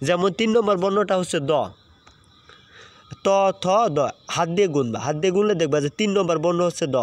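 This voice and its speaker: A man's voice: high voice, fairly quick. A young man teaching a pronunciation lesson, explaining step by step, repeating points and asking his students questions.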